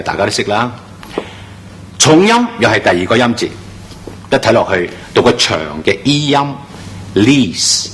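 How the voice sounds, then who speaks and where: Man, english pronunciation teacher, animated pitch, emphatic, slow drawn-out model words. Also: a little hiss or hum. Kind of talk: classroom-style pronunciation lesson.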